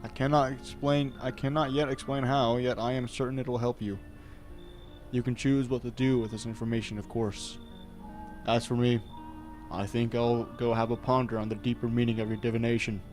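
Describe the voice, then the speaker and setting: A man voicing a calm, mysterious male fortune teller who talks slowly and cryptically. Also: medium pitch, faint music behind, close to an everyday voice. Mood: solemn, cryptic. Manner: slow, solemn, cryptic.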